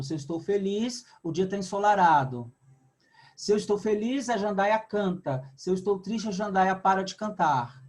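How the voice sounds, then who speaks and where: A male literature teacher with a Brazilian accent, explaining a lesson and checking in with quick tag questions. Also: high-pitched. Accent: Brazilian Portuguese. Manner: retells stories casually, with blunt asides. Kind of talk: recorded online class lecture.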